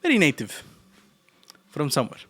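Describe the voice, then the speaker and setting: His voice a little high, pushed and bright with a breathy edge, this Argentine livestreamer swings hugely in pitch at a moderate pace. He teases his live chat casually while coding, laughing often, in an Argentine Spanish accent.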